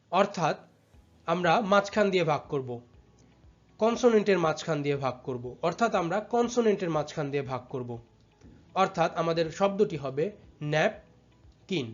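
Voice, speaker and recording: A teacher giving a step-by-step lesson, patiently repeating words and drawing them out slowly syllable by syllable. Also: mid-range voice, animated. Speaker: English teacher. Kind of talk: step-by-step tutorial explanation. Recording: slightly dull audio with faint background music.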